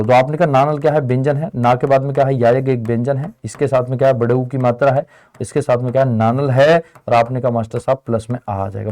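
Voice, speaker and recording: A man teaching a lesson at a quick clip, firing questions at his class and answering them in the same breath. His pitch sits in an ordinary middle range. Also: warm tone. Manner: call-and-response questioning, addresses students as children. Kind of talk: classroom lecture.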